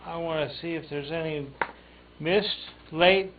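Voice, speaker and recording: Man, ham radio net host, halting with fillers, slow, tinny radio audio with faint static. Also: fairly high pitch, fairly even intonation, distant mic. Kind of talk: radio net check-in roll call.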